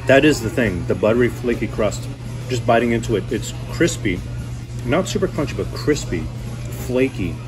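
A man in his thirties with a mid-pitched voice chats casually as a food review host. He sounds enthusiastic, with clear music in the background. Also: animated, normal speed. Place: restaurant booth indoors.

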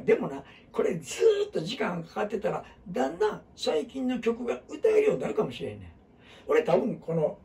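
Kansai guy rambling thru a class, gravelly voice, bouncy pitch, kinda far from the mic. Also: a little mellow. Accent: Kansai Japanese. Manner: rambling, talks in dialect with many fillers and asides. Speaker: teacher of a group. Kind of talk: casual classroom talk.

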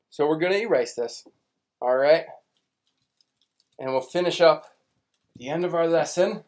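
This young science teacher has a medium-pitched, darkish voice. He teaches kids about space in a live online class at a whiteboard, staying chatty and playful while linking big ideas to everyday examples.

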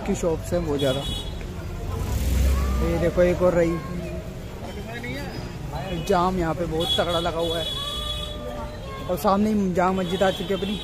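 A man's voice: high voice, steady tone, normal speed, long pauses. A young man talking casually to viewers as he walks through busy city streets and markets, filming himself on a phone held at arm's length. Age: young adult. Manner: chatty, addresses viewers directly. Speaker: vlogger. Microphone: handheld phone camera at arm's length. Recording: loud music and crowd noise behind. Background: loud music, crowd and traffic.

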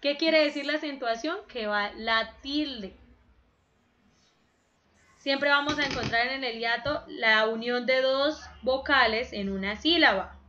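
A woman teacher giving an online grammar lesson for children, explaining slowly and patiently over a video call. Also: high voice, sharp tone, highs cut off, a little hiss or hum.

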